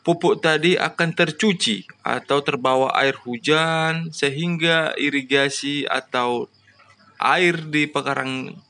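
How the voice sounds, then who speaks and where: Man teaching farmers, slightly high voice. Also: takes it slowly, bright, forceful tone. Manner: addresses farmers as "Bapak Ibu", frequent "ya" and "namanya" fillers. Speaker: farming channel host. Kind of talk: explanatory farming lesson.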